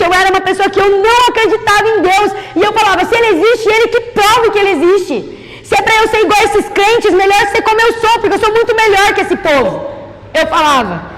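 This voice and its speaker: A woman with a Brazilian Portuguese accent giving an emotional testimony sermon in church, swinging from loud outcries to hushed tones. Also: very high voice, big-room sound, poor audio. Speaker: preacher. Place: church sanctuary.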